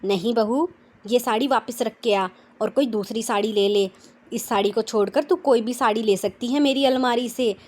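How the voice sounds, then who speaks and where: A woman playing a calm, firm mother-in-law. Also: on the high side, natural voice. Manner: measured, firm, kindly instructing.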